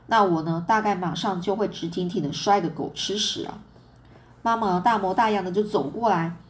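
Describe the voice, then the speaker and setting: A woman reads a novel aloud as narrator. Her reading is casual, dotted with filler particles and quick self-corrections. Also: mid-range voice.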